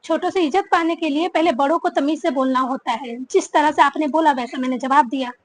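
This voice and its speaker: A woman's voice: high-pitched, fairly quick, natural voice. A woman acting a bold newly married daughter-in-law who firmly talks back in a family drama. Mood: defiant. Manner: defiant, firm.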